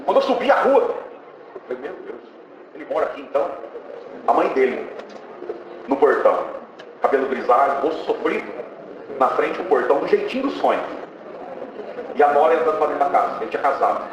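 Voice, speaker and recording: A man's voice: a little high, sing-song, fairly quick, pauses often, distant mic. A Brazilian man with a Brazilian Portuguese accent, giving a fervent church testimony that he keeps breaking up with cries of praise. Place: church hall. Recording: muffled, echoey church hall with noise.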